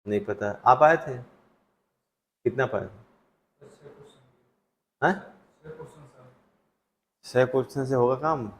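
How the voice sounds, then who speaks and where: A man's voice: medium pitch, takes it slowly, long pauses. A male teacher going through test answers with students in a classroom, conversational and full of questions to them. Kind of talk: classroom test solution lecture.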